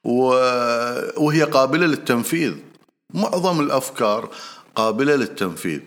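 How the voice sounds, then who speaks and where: A man with a Gulf Arabic accent giving casual, earnest advice straight to the listener, repeating points and pausing on fillers. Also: medium pitch, expressive, fairly bright tone. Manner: earnest and repetitive, addresses listener directly; frequent hesitations and fillers. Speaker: speaker giving marriage advice.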